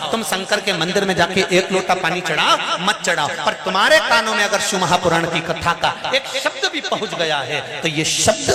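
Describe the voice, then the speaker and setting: A Malwa-accented man preaching in a big hall, his voice a little high for a man and lively, teasing the crowd and now and then slipping into song. His stage mic rings with a long, roomy echo. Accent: Malwa Hindi. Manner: lively, teasing, bursts into sung lines. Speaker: preacher telling a scripture story. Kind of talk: devotional sermon to a large crowd. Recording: echoey hall with long reverb.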